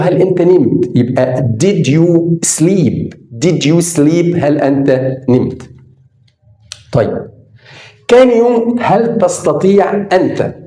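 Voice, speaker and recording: A man with an Egyptian Arabic accent teaching English grammar in a lively, emphatic way, drawing out words for stress. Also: mid-range voice. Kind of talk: spoken grammar lesson. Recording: echoey room.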